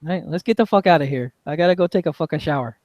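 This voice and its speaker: A man's voice: fairly high pitch, very fast, a little mellow, no echo, lo-fi sound, pitched above the performer's own voice, close to an everyday voice. A man voicing a cocky, streetwise young man who talks in slang, in a tabletop role-play. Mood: urging. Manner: slangy, swaggering, laid-back.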